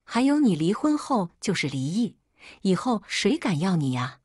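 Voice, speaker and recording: A woman's voice: very animated, moderate pace, a little mellow, husky, dry recording, studio quality. A woman voicing a scheming, insulting middle-aged sister-in-law in a storybook reading. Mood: scornful. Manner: scolding, shrill and insulting.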